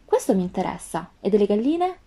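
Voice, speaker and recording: A woman voicing a gentle, wise female fox with a calm, earnest tone in a storybook reading. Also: mid-range voice, a little fast.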